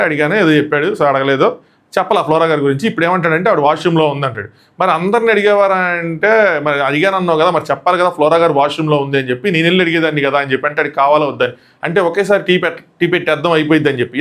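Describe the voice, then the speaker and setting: Male commentator, quick chatty recap, drops lower for quoted lines. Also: a bit bright. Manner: rapid, chatty, opinionated. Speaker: show commentator.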